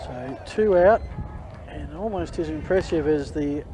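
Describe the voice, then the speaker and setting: A man's voice: fairly high pitch, unhurried. A man doing live, chatty play-by-play commentary at a ballpark. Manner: chatty, jokey. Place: outdoor ballpark with crowd. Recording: crowd noise behind.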